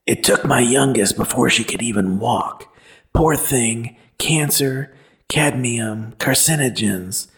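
A man voicing a disturbed, mournful old man who mutters in a low voice. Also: slow pace, fairly bright tone.

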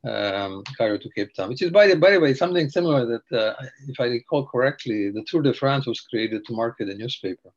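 A man's voice: medium pitch, lively intonation, a little fast, few pauses, lo-fi sound. Older man, meandering storyteller. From Slovakia. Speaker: podcast guest. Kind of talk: casual interview.

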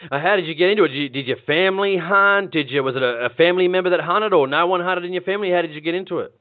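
Laid-back Australian podcast host. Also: male voice, sits high, very fast, dry recording, narrow, tinny audio. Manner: laid-back, filler-heavy, friendly. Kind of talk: casual podcast interview.

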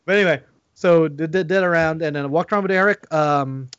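A man's voice: a little high, fairly quick, a bit bright, clear, resonant tone, no echo, dull audio. A man co-hosting a podcast in casual chat, rambling with many restarts and fillers. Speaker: podcast co-host.

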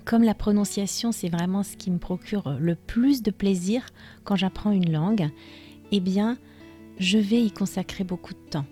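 A woman gives a podcast lesson to language learners, her voice warm and mellow. She explains in a calm, measured way, often stopping to think with a soft "euh". Faint music plays underneath. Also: medium pitch. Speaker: French teacher.

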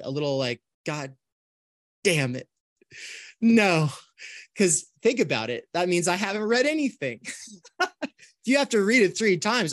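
Animated man giving a casual lecture. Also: a little high, dry recording, clean studio sound. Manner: conversational, animated, thinking aloud with restarts. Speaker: online philosophy course instructor. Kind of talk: informal lecture to students.

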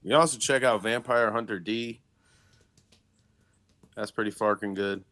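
A man's voice: lowish voice, unhurried, fairly bright tone. A man joining a podcast as a guest over a video call, laid-back and joking in casual chat.

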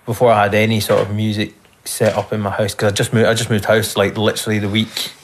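A man's voice: on the low side, completely flat delivery, fast talker, a little hiss or hum. A young man, a guest on a casual podcast, talking loosely and rambling with lots of fillers.

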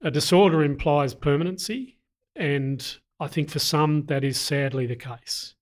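A middle-aged Australian army veteran answers interview questions deliberately and earnestly, pausing often. His voice is a little high.

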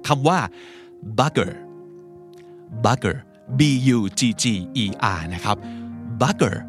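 A Thai man hosting a vocabulary lesson, explaining words in a chatty, unhurried way and acting out example lines. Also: mid-range voice, very animated, over music. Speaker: podcast host teaching English vocabulary. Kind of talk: casual teaching monologue.

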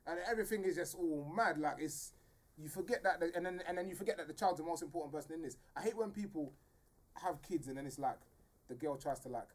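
A man's voice: a little high, quick pace. A man in his twenties with a London roadman accent, giving opinions in casual street slang and often checking he is understood. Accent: London roadman, urban street. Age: 20s.

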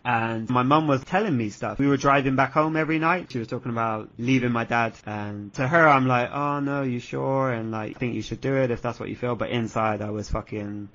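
A man's voice: medium pitch, brisk, few pauses, a bit bright, muffled recording. A young man telling a personal story in casual chat, rambling, swearing freely and laughing often. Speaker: guest telling a life story.

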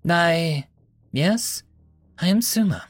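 A man's voice: a little high, animated, takes it slowly, no echo, soft background music, voice pushed up. A man voicing a frightened, injured female creature who speaks timidly and stammers.

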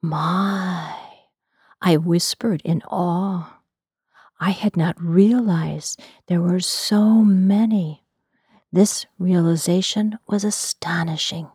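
A woman narrating a fantasy story in a soft, unvoiced whisper for ASMR. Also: fairly low pitch, breathy edge, no room sound, studio quality.

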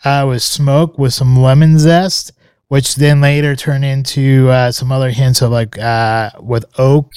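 A man's voice: mid-range voice, smooth, dry recording, clean studio sound. A man co-hosting a podcast, giving a casual, rambling review full of fillers and restarts. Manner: relaxed, hesitant, many fillers and restarts. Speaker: podcast co-host reviewing scotch.

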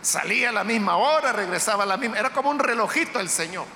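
A man pastor telling a story during a Sunday sermon in a church, conversational and unhurried. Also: high-pitched, expressive, gravelly, sharp tone, a little hiss or hum. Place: church sanctuary. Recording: echoey hall with long reverb, faint ambience.

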